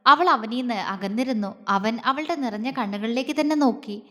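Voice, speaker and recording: A woman narrating a romance audio series with a steady, expressive reading. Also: fairly high pitch, normal speed. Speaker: storyteller. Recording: long hall reverb.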